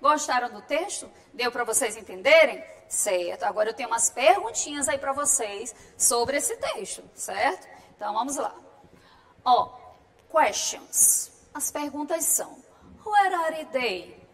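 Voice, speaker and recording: A woman teaching a televised English lesson, lively, explaining and addressing viewers at home directly. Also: fairly high pitch, a little slow.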